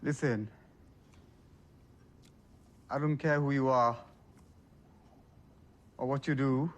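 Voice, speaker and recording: A man's voice: medium pitch, fairly even intonation, slow, muffled recording, close to an everyday voice. A man playing an insistent British delivery man. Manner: insistent, exasperated. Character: flustered young male pizza delivery man, stubborn.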